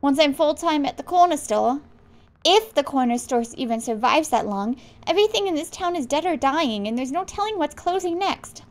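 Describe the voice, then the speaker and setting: A woman's voice: high voice, expressive, moderate pace, pitched above the performer's own voice. A woman voicing a worn-out, broke middle-aged father with an attempted Australian accent, apologetic and putting on forced cheer. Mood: weary.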